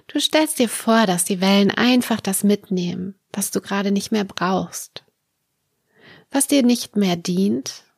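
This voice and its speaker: Slow, gently guiding woman in meditation. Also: medium pitch, vocal fry, slightly rough, no echo, clean studio sound. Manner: slow, soothing, gentle phrasing in short pieces with pauses. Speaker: guided meditation narrator. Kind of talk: guided meditation, a calm narrated dream journey.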